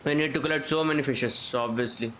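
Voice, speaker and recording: A male game streamer gives casual live commentary on his gameplay, thinking aloud, rambling and repeating phrases, with game music and character voices behind him. His mid-range voice is quick and fairly bright, and the poor audio carries a little hiss or hum.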